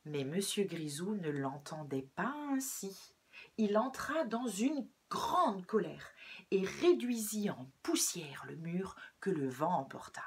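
A woman reads a children's story aloud in an unhurried, breathy voice. Her pitch rises and falls in a lively way, keeping young listeners hooked. She tells it gently and clearly.

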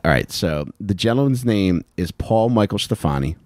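Low, lively-voiced male podcast host. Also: moderate pace, no echo, studio quality. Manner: joking, profane, storytelling. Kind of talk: casual chat.

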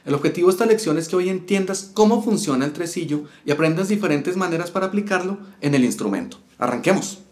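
A man's voice: high voice, lively intonation, fast, few pauses. A man teaching a step-by-step guitar lesson, explaining rhythm and counting syllables aloud. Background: guitar playing.

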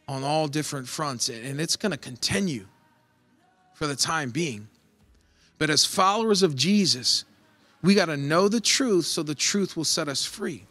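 A man's voice: on the high side, a bit bright. A male pastor preaching a conversational sermon, retelling a Bible story and acting out its voices.

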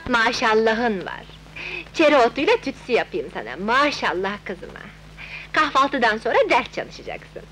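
A fussing doting nanny. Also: female voice, on the high side, big pitch swings, moderate pace, a bit bright, faint music behind, poor audio. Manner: fussing, coaxing, sing-song. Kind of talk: 1970s dubbed film acting.

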